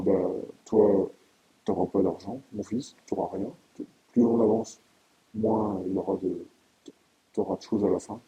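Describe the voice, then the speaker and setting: Deep pitch-shifted, disguised man's voice, dark and gravelly. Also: low-quality recording. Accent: French. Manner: halting, with repeated words and long hesitations. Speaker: dairy farmer giving anonymous testimony. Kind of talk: interview testimony.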